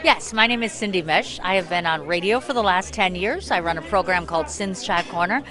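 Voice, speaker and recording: A woman's voice: on the low side, fairly quick, a crowd in the background. A woman speaking effusively and conversationally as an interview guest at an arts event. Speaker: radio host and writer, guest. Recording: faint music behind. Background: faint music at an event.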